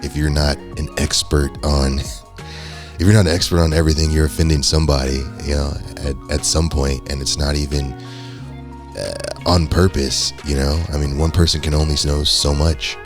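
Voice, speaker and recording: A man's voice: a bass voice, level tone, moderate pace, music in the background. A man hosting a casual podcast chat, rambling and hedging, his microphone clipping and distorted. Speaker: podcast host.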